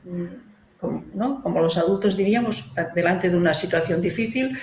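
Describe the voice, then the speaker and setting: A woman's voice: lowish voice, moderate pace, a little mellow. Earnest woman in a roomy echo. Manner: earnest, often tags phrases with "¿no?". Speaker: author and guest on grief in children. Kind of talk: explanatory interview answers. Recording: roomy echo with faint noise.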